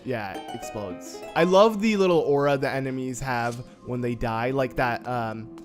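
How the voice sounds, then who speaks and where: This casual let's-play features a young gameplay commentator speaking at a measured pace in a mid-range voice, slightly raspy from having just woken up. He jokes around, uses plenty of fillers and pokes fun at himself, while game music plays faintly underneath.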